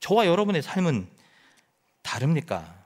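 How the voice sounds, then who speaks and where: Dramatic high-voiced preaching pastor. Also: male voice, sing-song, measured pace. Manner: preaching with wide swings between loud and hushed; dramatic, quotes imagined speech. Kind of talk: sermon.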